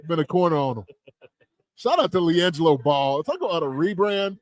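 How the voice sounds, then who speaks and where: A man's voice: a little high, lively intonation, moderate pace. A man co-hosting a casual sports talk show, playful and slangy, teasing the others.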